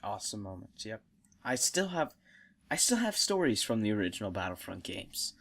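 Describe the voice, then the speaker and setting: A man's voice: on the low side, big pitch swings, moderate pace, vocal fry, a bit bright. A young man hosting a casual gaming podcast, giving his opinions with enthusiasm and laughing often. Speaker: podcast host.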